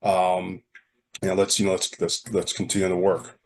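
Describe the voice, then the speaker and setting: A man on a video call, hoarse and gravelly from a cold, speaking hesitantly with many fillers. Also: deep voice, completely flat delivery, normal speed. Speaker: steering group member. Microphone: video call, off camera.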